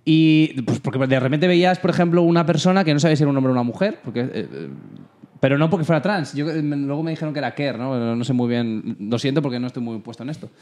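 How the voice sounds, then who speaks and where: A man's voice: mid-range voice, fast talker. A man from Spain telling an anecdote in a casual podcast chat, acting out the dialogue and laughing often. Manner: animated storyteller, acts out dialogue, laughs often. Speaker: podcast host.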